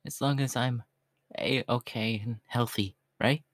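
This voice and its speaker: ASMR role-play: male actor as a homeless young cat-boy, shy and hopeful, mid-pitched, polite, hesitant, very dry sound. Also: steady tone, no echo. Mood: wistful. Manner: hesitant, halting, softly polite.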